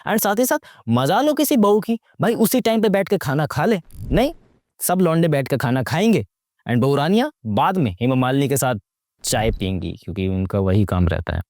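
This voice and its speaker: A young man reviews movies for YouTube in Hindi sprinkled with English, sounding casual, sarcastic and slangy as he mocks the film with rhetorical question after rhetorical question. His medium-pitched voice is sing-song and a little mellow, moving at a normal speed. The recording is dry and clean, with studio quality.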